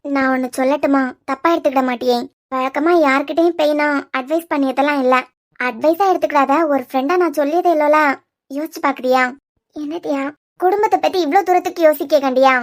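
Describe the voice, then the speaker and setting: Cartoon role: frank young woman friend, voiced by a woman, Kanyakumari Tamil accent, very high, quick, earnest. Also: close to an everyday voice. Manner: earnest, coaxing, quick-talking. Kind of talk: cartoon web series voice acting.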